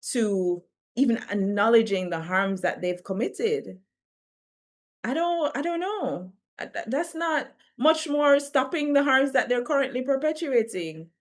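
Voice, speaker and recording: A woman from the Caribbean talking candidly to camera in a reflective vlog, animated and laughing between her thoughts. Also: medium pitch. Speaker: vlogger.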